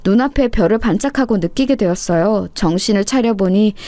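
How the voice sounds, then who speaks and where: A woman's voice: mid-range voice, brisk, dark tone, no room sound. A woman in her thirties narrating a first-person story as a daughter-in-law, in a confiding, aggrieved way.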